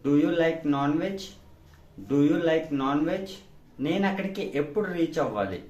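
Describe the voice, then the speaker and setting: A man with a Telugu Indian accent teaching spoken English, saying each sentence quickly in Telugu and then repeating the English translation slowly and clearly. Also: a little high, lively intonation, darkish tone, echoey room, lo-fi sound. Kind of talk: language lesson, reading sentences.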